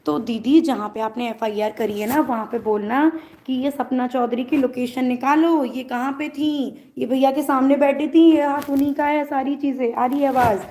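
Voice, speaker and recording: A woman's voice: sits high, fairly even intonation, moderate pace, hardly any pauses, mellow. A woman vlogger chatting directly to her viewers from a room at home. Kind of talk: casual vlog talk to viewers.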